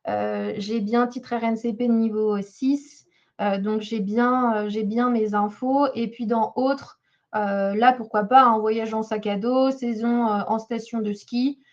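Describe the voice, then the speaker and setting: A woman's voice: a little high, fairly even intonation, slow. A woman job coach giving a webinar talk while reviewing a CV, hesitant, with many fillers and restarts. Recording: slightly dull lo-fi sound.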